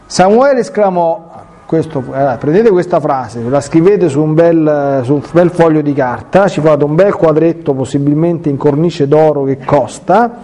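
A man reads the bible and comments on it in a catechism class. His voice sits fairly high, with a soft, mellow tone. He drops easy, colloquial jokes to his listeners between the readings. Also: a little slow, soft background music. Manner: colloquial, joking asides to listeners.

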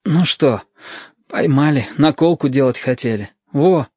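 A man's voice: medium pitch, expressive, measured pace, darkish tone, husky, dry recording. A man reading an audiobook voices an anxious, eager young boy with pleading, breathless questions. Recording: dull, dry lo-fi audio.

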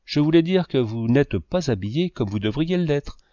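A man reading as a flattering, scheming suitor. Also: medium pitch, moderate pace, no echo, pitched above the performer's own voice, lightly acted. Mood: insistent. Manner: insistent, flattering. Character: scheming, self-pitying grown man, a would-be seducer. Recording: dull lo-fi dry recording.

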